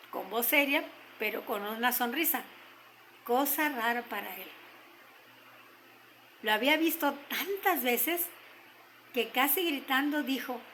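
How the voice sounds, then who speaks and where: An older woman with a Mexican accent telling a story gently, slowing down to stress key moments. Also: fairly high pitch, a little hiss or hum, low-quality recording. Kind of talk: told story.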